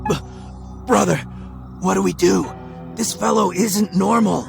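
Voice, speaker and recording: Rough game henchman: excitable, very gravelly, pitched high. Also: a little slow, heavily acted. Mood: nervous. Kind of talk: video game voice acting. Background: game music.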